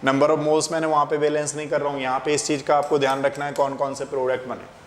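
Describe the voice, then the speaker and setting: A man's voice: on the high side, level tone, quick pace. A man teaching a chemistry lesson in a classroom lecture style, explaining step by step and asking and answering his own questions. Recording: echoey room with faint background noise.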